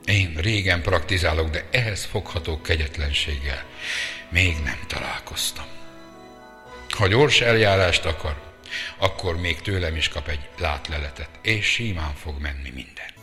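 A man's voice: deep voice, sharp tone, faint music behind. A man voicing an experienced doctor speaking earnestly in a storybook. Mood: grave. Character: grave, experienced male village doctor. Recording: long reverb.

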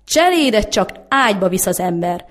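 A woman reading the lines of a stubborn old master baker who scolds his son gruffly and scornfully. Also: medium pitch, very animated, close to an everyday voice. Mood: furious.

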